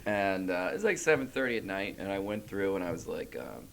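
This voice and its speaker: A man co-hosting a comedy podcast, playful and quick to laugh as he riffs. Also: low-pitched, big pitch swings, vocal fry, a little hiss or hum. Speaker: podcast co-host. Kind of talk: casual comedic chat.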